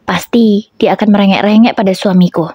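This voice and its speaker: A woman's voice: mid-range voice, a little fast, dark tone, slightly rough, no echo, studio quality. A woman narrating an emotional first-person story about her marriage, with an indignant tone.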